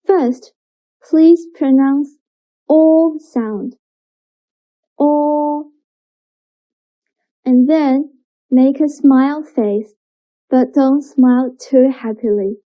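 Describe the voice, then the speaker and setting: Woman teaching pronunciation super slow, high voice, drawn-out sounds to repeat, kinda muffled lo-fi audio. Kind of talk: slow, clearly enunciated lesson. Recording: dull lo-fi recording.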